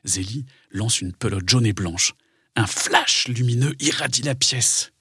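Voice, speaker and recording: A man's voice: mid-range voice, unhurried, pushed and bright, breathy edge, no room sound, clean studio sound. A man narrating a scripted dramatic story for children.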